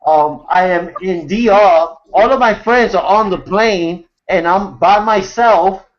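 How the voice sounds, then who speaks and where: A man's voice: sits high, slow, muffled recording. A man from New York hosting an online hangout, telling a story in a rambling casual way full of fillers and restarts. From New York City, USA. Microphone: video call.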